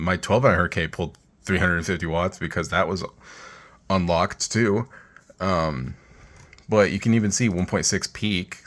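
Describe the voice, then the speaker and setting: A man's voice: deep voice, a bit bright. A man giving a casual, rambling tech rant over a screen demo, sounding weary and exasperated. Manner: rambling, informal. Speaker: tech vlogger.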